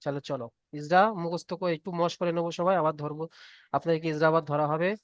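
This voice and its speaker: A man's voice: fairly high pitch, steady tone, quick pace, clean tone, no echo, muffled recording. A man teaching Quran reading rules in a live online class, patiently repeating each rule and asking students to recite. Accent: Bengali.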